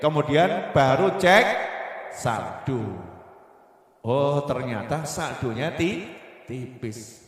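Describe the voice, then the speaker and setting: A man preaching a sermon in a lively, repetitive way, often breaking off mid-word before finishing it. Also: medium pitch, slow pace, pauses often. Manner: animated, repeats words, breaks off mid-word. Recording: echoey hall with long reverb.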